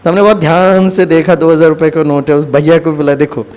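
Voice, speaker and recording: A man gives a spiritual talk in a high, lively voice. He tells a personal story to a live audience and acts out each part of the dialogue. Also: fast. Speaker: spiritual speaker.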